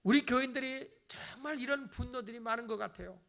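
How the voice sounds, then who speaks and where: A middle-aged man preaching a Sunday sermon as pastor, animated, acting out people's excuses and swinging from loud emphasis to near-whisper. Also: very high voice, fairly quick, creaky.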